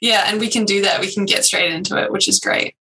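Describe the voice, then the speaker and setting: Brief: podcast guest, female, reassuring explainer, bright tone with gravelly fry. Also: mid-range voice, steady tone, fast, poor audio. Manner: reassuring, explains at length with many "you know"s. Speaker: ADHD coaching service representative, podcast guest. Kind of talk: casual interview chat.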